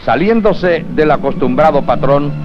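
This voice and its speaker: A man's voice: a little high, expressive, a little slow, noisy background. A man narrating in the formal, solemn, declamatory manner of an old newsreel. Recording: dull 1970s film soundtrack, music behind. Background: music.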